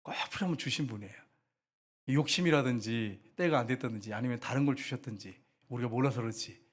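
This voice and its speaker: A man's voice: medium pitch, quick pace. A male pastor preaching a sermon in a church, talking with the congregation through questions and raising his voice to stress points. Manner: conversational preaching, asks the congregation questions, raises voice for emphasis. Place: church sanctuary.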